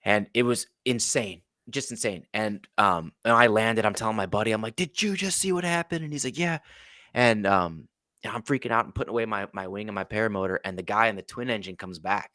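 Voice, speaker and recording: A man recounting a tale as a podcast guest, throwing himself into the quoted lines. His voice sits low and sounds close and dry, with no room around it. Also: fairly quick, no echo. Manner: animated storyteller acting out quotes. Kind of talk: casual storytelling.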